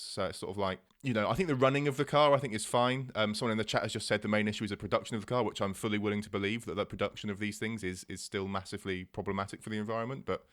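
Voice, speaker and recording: A man's voice: lowish voice, a bit bright. A man co-hosting a podcast, chatting casually about technology with many restarts and fillers. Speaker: podcast co-host. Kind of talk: casual tech chat. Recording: podcast mic.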